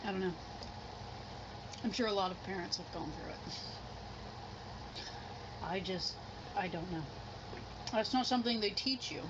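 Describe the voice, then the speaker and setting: A woman's voice: mid-range voice, unhurried, long pauses. A middle-aged woman chatting casually and ramblingly in an eating vlog, sounding unsure of herself. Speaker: mukbang vlogger. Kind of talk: casual chat while eating. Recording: muffled sound with clear background noise.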